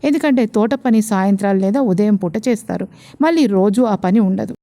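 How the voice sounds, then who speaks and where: A woman voicing a calm, clever young wife in a storybook romance, speaking patiently and gently persuading. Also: mid-range voice, moderate pace, lightly acted.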